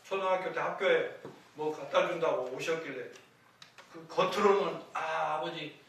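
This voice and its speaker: An older male pastor with a rather high voice preaches in a plain, storytelling way, drifting into personal memories. His voice rings through a very echoey church hall, picked up from a distance. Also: normal speed, fairly bright tone. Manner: conversational preaching with personal stories. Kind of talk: sermon. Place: church sanctuary.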